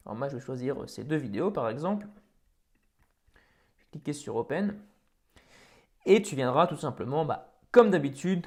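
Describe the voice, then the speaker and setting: A man hosting a software tutorial, talking casually over a screen recording with many fillers and restarts. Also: mid-range voice. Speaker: tutorial host.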